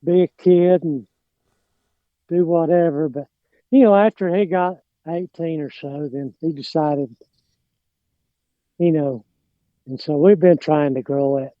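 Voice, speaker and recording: Slow-talking man with an Appalachian mountain accent. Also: fairly high pitch, dry recording, phone-quality sound. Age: middle-aged. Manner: rambling, hesitant, trails off. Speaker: podcast guest, lawn care business owner. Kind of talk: casual chat.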